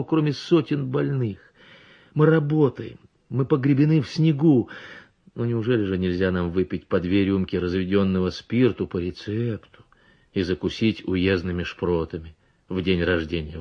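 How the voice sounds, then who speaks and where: A man voicing an excitable young male country doctor in an audiobook, exclaiming often. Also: fairly low pitch, moderate pace, highs cut off. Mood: pleading.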